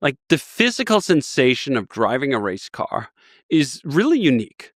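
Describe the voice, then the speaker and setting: A man's voice: medium pitch, very animated, moderate pace, no room sound, studio quality. A man in his forties from Denmark, a guest telling stories with enthusiasm in a casual interview. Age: 40s. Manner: enthusiastic, rambling storyteller.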